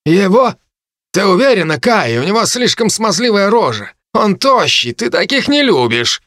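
A man reading an audiobook plays a burly, hard-drinking gang leader with a loud, rough manner. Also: high voice, big pitch swings, moderate pace, no echo, pitched above the performer's own voice. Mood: mocking.

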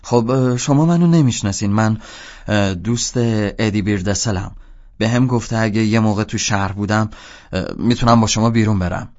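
A man's voice: on the low side, a little mellow, lightly acted. A man playing a hesitant teen faking adulthood. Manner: hesitant, overly polite, full of "uh". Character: teenage boy faking a grown-up voice. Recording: dull lo-fi audio.

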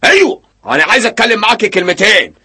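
A puffed-up rustic husband in an Egyptian radio comedy, full of bluster. His voice is bright and a touch husky, and his lines leap up and down. He scolds and brags in the same breath. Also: high-pitched, sing-song, full character voice. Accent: Egyptian Arabic. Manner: blustering and scolding, quick to shout. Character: boastful, bossy rustic husband, newly self-important. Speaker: lead comic actor.

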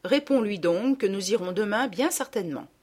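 A woman voicing a calm, kind mother in a storybook reading, speaking softly. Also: medium pitch, normal speed, lightly acted. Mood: gentle.

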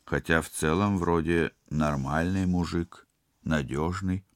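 A man playing a calm ship doctor. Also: low voice, a little slow, no echo, clean studio sound. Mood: matter-of-fact.

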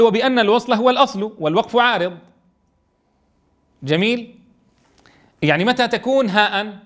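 A man teaches a class of Quran teachers, speaking in a fairly high voice. He reads a passage aloud, breaks it down, and keeps asking whether the students follow. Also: a bit bright. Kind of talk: classroom lesson explaining a grammar text.

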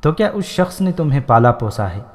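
A man's voice: fairly high pitch, big pitch swings. A man reading the lines of a lovestruck male fort commander in a storybook, coaxing and affectionate. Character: smitten male fort commander, pleading and eager. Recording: long hall reverb.

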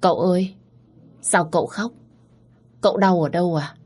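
A woman's voice: fairly low pitch, moderate pace, darkish tone, lightly acted. A woman voicing a timid young servant girl who speaks meekly and pleads. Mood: gentle. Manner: meek, pleading.

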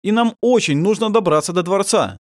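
A man's voice: high-pitched, expressive, fairly quick, dry recording, clean studio sound, voice pushed up. A man voicing a young male werewolf warrior in an audiobook, polite and urgent. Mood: earnest.

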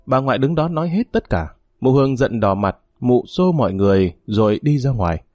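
A man reading a story in a steady narration. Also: medium pitch, a little fast, no room sound.

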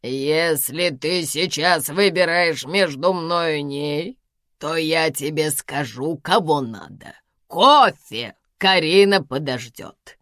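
A woman reading an audiobook, voicing a domineering elderly woman of eighty-two who scolds in slow, drawn-out, commanding phrases. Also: sits low, lively intonation, no room sound, studio quality, exaggerated voice. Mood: scolding, domineering. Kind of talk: audiobook character voice.

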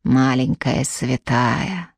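A woman's voice: lowish voice, no room sound, clean studio sound. Woman reading a growling blind old crone. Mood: mocking. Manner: growling, slow and scornful. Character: blind, ill-tempered old woman teacher. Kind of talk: audiobook character reading.

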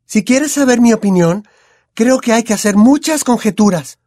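A bossy know-it-all teenage girl, played by a man in a storybook reading, with a Latin American Spanish accent. She speaks high and fairly loud, precise and sure of herself. The sound is close and dry. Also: animated, normal speed, no room sound. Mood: superior, calm. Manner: prim, precise and self-assured.

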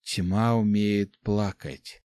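A man reading a slow, quiet, emotionless dying woman necromancer in an audiobook. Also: fairly low pitch, fairly even intonation, clean tone, no echo, clean studio sound. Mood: hollow.

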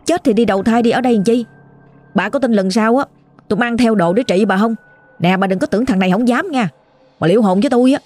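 A woman's voice: on the high side, fast talker, a little mellow, lightly acted. A woman with a Southern Vietnamese accent quoting a fed-up middle-aged male ambulance driver who scolds bluntly. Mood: scolding.

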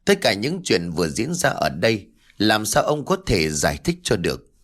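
A man narrating a ghost story in a measured storytelling manner. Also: on the low side, big pitch swings, a bit bright. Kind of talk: scripted horror story narration.

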